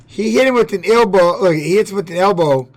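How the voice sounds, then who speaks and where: A middle-aged man streaming, loudly telling stories and reacting to fight videos with plenty of swearing. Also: high-pitched, brisk. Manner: loud, profane storytelling with laughs. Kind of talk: casual stream chat.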